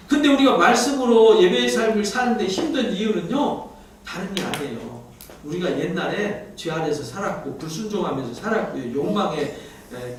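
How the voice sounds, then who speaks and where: A male pastor preaches in a casual, talking style and keeps asking his congregation questions. His voice sits high for a man. It rings through a very echoey church sanctuary and is picked up from some distance. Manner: leads the congregation in reading scripture aloud. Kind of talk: Sunday sermon.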